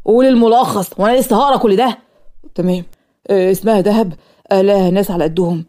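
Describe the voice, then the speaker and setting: A woman with an Egyptian accent voicing cartoon dialogue in a brisk, matter-of-fact way. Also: mid-range voice, warm tone. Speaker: voice actor.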